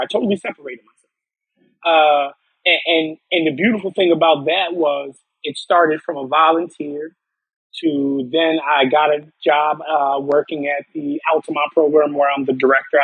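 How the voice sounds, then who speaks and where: A man's voice: on the high side, fairly bright tone, slightly rough, no room sound, low-quality recording. A man from upstate New York, a podcast guest telling his personal story earnestly, often restarting and repeating words.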